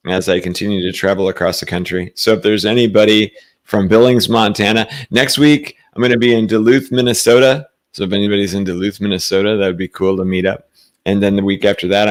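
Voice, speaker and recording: A man co-hosting a casual spiritual talk show, chatting playfully and laughing often. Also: lowish voice. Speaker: podcast co-host. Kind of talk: casual chat. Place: traveling, currently in a temporary location.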